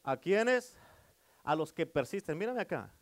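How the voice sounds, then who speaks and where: A man's voice: a little high, big pitch swings, unhurried. A middle-aged male pastor preaching a sermon, emphatic and repetitive, often calling for amens.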